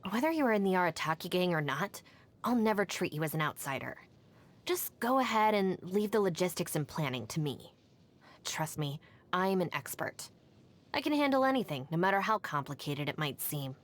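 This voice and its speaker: With a fairly low voice that swings widely in pitch, an actress reads video game lines as a capable young female gang deputy. She stays dry and self-assured, with a no-nonsense, composed, brisk and matter-of-fact manner.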